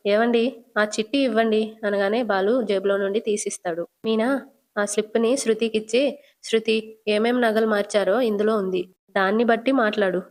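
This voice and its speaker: A woman with a Telugu accent recapping a TV serial episode, telling the scenes and lightly voicing the characters' quoted lines. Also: mid-range voice.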